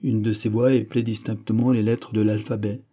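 A man reading a classic novel as an audiobook, in an even storytelling narration. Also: lowish voice, normal speed. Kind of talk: scripted narration.

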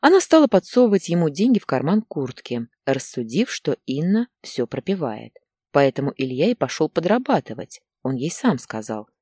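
A woman reads a story aloud with expressive, lively pitch. Her voice is low, dark and husky. The recording is close and dry. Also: no echo. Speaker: audiobook narrator. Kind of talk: scripted narration.

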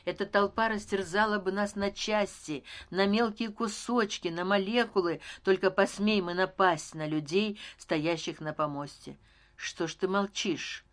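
A woman narrating an audiobook in an even, measured storytelling manner. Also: mid-range voice.

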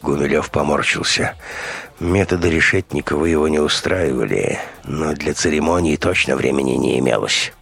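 Man narrating audiobook, low pitch, husky, measured, faint music. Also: a bit bright. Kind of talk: scripted narration.

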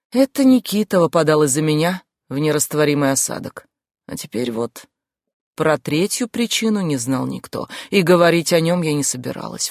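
A woman's voice: deep voice, creaky, dry recording, clean studio sound. Sardonic woman reading a novel aloud. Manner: sardonic, brash, crude asides. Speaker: audiobook narrator. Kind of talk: first-person novel narration.

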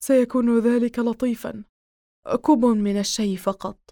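A frightened young man, played by a woman reader, pleading and shaky in a high, thin voice. He sounds close and dry, with no room around him, as in an audiobook character reading. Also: fairly even intonation, normal speed, warm tone, no echo, lightly acted. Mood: pained, subdued. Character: frightened young man, injured, slowly vanishing.

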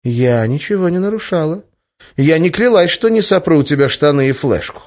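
A man's voice: a little high, lively intonation, moderate pace, a little mellow, pitched above the performer's own voice, lightly acted. A man voicing a sly, teasing young witch. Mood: coaxing. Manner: teasing, coaxing, lilting. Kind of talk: audiobook character voice. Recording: slightly muffled lo-fi recording.

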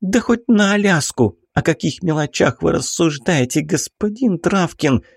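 A willful young noblewoman, proud and impassioned, as a male narrator raises his voice to play her. She stretches her exclamations out in an imperious, lilting line. The voice is lifted high above his usual register, in a dry close recording. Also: expressive, measured pace, a little mellow, no room sound. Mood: defiant. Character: young baroness, headstrong, passionate, haughty. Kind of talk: audiobook character voicing.

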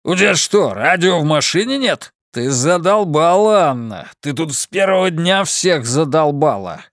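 A rude, hot-tempered deputy police chief, voiced by a male narrator in an audiobook. He snaps out his words gruffly in a raised, lively voice. The recording is close and dry. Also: fairly high pitch, moderate pace, dry recording, pitched above the performer's own voice. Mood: angry. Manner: gruff, snapping.

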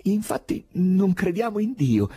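A confident, lecturing man of letters, as a male narrator puts him on, pitched high and projected firmly. His voice is dark and husky, with pitch leaping widely as he insists on each point. It is an audiobook reading. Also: big pitch swings, unhurried, exaggerated voice. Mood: assured. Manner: emphatic, lecturing. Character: self-assured learned man, polite and confident.

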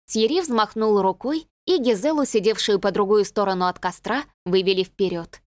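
A woman narrating an audiobook in a measured, even reading. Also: medium pitch, no echo. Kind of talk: scripted narration.

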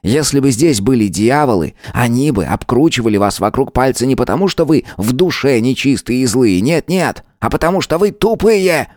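A man voicing a furious shouting boss. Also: medium pitch, animated, normal speed, hardly any pauses, no room sound, studio quality, pitched above the performer's own voice, natural voice. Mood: angry commanding. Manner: shouting, scolding, commanding. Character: hot-tempered male boss, commanding and scolding. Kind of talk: audiobook character voice.

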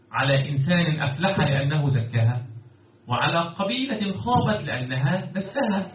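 A man with an Egyptian accent teaching Quran commentary and Arabic morphology, often stopping to quiz his students. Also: fairly high pitch. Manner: keeps quizzing students and pressing them for answers. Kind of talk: classroom lecture with questions to students. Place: lecture hall with students. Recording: echoey, distant, phone-like, crowd noise.

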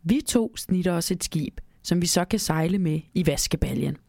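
A woman doing a gruff old grandfather. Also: a little mellow, no room sound, clean studio sound. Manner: grumbling, low rumbling. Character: old grandfather, gruff former sailor, pipe-smoking.

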